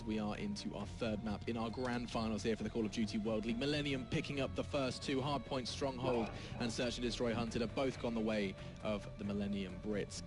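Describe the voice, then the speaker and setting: A man delivers live esports commentary at a rapid clip, his voice sitting in a middle register. He leans hard into each point with energetic emphasis. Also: mid-range voice. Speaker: esports caster.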